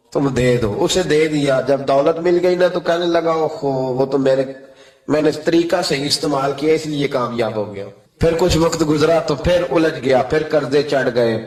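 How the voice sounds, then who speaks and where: A man preaching a sermon with impassioned delivery, dropping to soft pleading and rising to high emphatic cries. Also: echoey room. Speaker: Islamic preacher.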